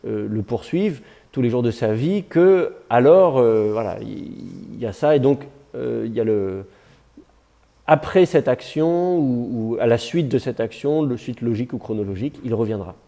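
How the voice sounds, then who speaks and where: A man teaching a class, explaining step by step with patience and many pauses and fillers. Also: mid-range voice, animated, gravelly, dark tone. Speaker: Biblical Hebrew teacher.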